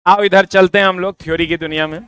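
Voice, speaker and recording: A middle-aged male coaching teacher, talking informally and repetitively as he pitches a course to exam students. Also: fairly even intonation, quick pace, a bit bright, clear, resonant tone, no echo. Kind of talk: promotional explanation to exam students.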